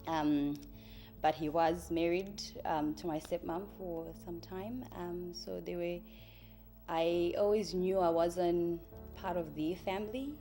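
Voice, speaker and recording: Speaking slowly in a lowish, steady, warm voice, a Zimbabwean-accented woman in her early thirties gives a reflective, hesitant personal testimony. She is a church member and native Shona speaker sharing her life story over background music.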